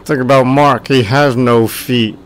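A man hosting a casual, joking let's play, his voice vibrating from a mic set too high. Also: steady tone, a little slow, slight background noise, low-quality recording. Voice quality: vibrating sound from overloaded mic. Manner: joking, flippant. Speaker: gaming video host. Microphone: mic with input set too high.

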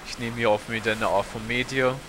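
A man's voice: medium pitch, fairly even intonation, a little fast, background noise. Thirty-year-old man commentating gameplay. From Austria. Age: 30s. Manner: casual, hesitant with frequent fillers. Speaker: let's play host.

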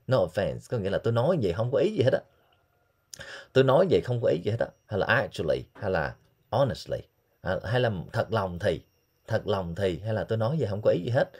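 A man, teaching English phrases and repeating examples slowly. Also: low voice, darkish tone, slightly rough. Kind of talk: explaining English phrases in Vietnamese.

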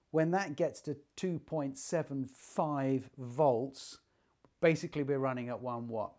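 With a medium-pitched, darkish voice, a man in his sixties talks straight to the camera in a showman's style during an informal demonstration. He's a loudspeaker firm's technical director, recorded on a lavalier indoors in a large attic listening room.

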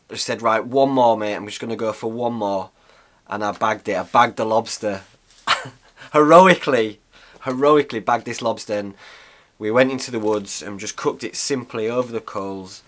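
A man's voice: on the low side, fairly bright tone. A man in his thirties talking casually to camera in a small cosy room, rambling and restarting his sentences. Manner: chatty and rambling, with frequent restarts and fillers. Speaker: outdoor cooking vlogger.

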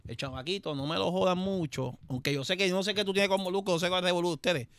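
A man's voice: high-pitched, very fast, smooth. A young man with a Puerto Rican accent hosting a podcast, talking casually with slang and jokes. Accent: Puerto Rican Spanish. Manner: slangy, animated and joking. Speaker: podcast host. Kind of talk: casual chat.

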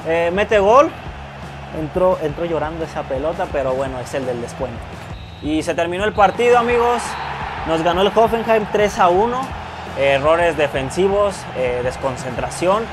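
Excitable high-voiced Mexican young man. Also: moderate pace. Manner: excitable, swears often, yells at goals. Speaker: gaming youtuber. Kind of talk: casual video game commentary. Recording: loud music behind the voice.

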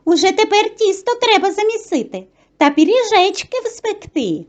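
Pair of lazy, playful storybook mice, squeaky and very high, put on by a woman reader. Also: expressive, slow, lo-fi sound, exaggerated voice. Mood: carefree. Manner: squeaky, carefree, later timid.

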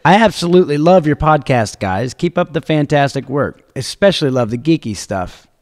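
A man's voice: on the high side, lively intonation, normal speed, in a large hall. A man hosting a casual podcast, joking and laughing often between reading listener questions. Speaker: podcast host.

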